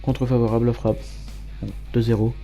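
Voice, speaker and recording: Flat, dark-voiced man commentating football gameplay. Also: mid-range voice, a little fast, faint music behind. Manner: matter-of-fact play-by-play in present tense. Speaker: gamer narrating his match highlights.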